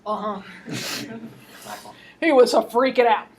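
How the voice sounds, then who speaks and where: A woman lecturing on history as an animated story, with wry, laughing asides, recorded in a classroom. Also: on the high side, takes it slowly, distant mic, slight background noise.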